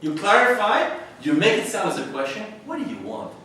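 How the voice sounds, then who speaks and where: A man leading an adult workshop, pressing the group with quick, repeated questions. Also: sits high, big pitch swings, bright, forceful tone. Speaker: workshop leader. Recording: echoey room, distant mic, noisy.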